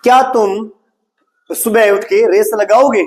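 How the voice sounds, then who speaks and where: A man with an Indian accent and a fairly high voice runs a classroom English drill. He fires questions in Hindi and has students answer in English. He calls the students "beta" and praises them often. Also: steady tone, a little slow. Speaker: English teacher.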